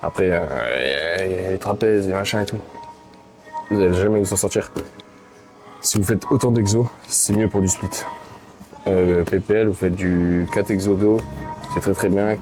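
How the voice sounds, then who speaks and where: A man's voice: low-pitched, normal speed, pauses often. A man with a Swiss French accent talking casually through his workout in a gym, hesitant and full of fillers, tired late at night. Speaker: gym vlogger. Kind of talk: casual workout vlog talk. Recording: gym recording with loud background music.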